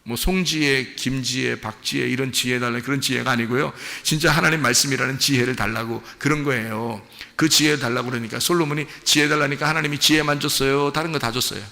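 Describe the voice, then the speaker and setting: A pastor preaching in a chatty, conversational way, with a gravelly edge and a bright, forceful tone. He acts out little back-and-forth dialogues as he goes. His voice carries a long reverb from the church hall around him. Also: mid-range voice, steady tone, quick pace, few pauses. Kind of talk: sermon. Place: church sanctuary.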